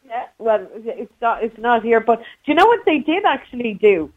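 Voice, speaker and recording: A dull, band-limited phone-in recording of a middle-aged woman with a west of Ireland accent. Her voice sits fairly high. She chats in a loose, colloquial way, reminiscing as a caller to a radio show. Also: sing-song, normal speed. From County Clare, west of Ireland. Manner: chatty, colloquial. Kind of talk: casual chat, reminiscing. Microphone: phone call to a radio show. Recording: dull, muffled call-in line.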